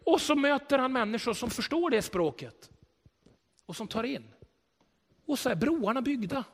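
A man preaching a sermon in a church, telling stories with animation, swelling loud for emphasis and then dropping quiet. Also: very high voice, very animated, slightly rough, big-room sound. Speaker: pastor.

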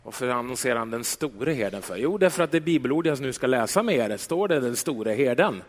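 Swedish-speaking pastor preaching in a reverberant hall. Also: male voice, mid-range voice, expressive, slight background noise. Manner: emphatic, slows down on key words. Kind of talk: sermon. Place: church.

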